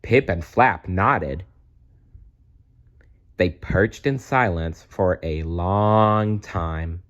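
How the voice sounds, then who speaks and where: A man reading a storybook aloud with expressive narration and personal asides. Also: low-pitched, extremely slow, dull audio. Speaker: storybook reader.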